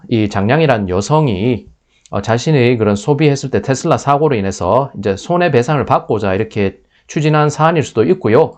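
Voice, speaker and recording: A man's voice: medium pitch, darkish tone. Man commenting on the news, restarting often. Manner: thinking aloud, with restarts and filler sounds.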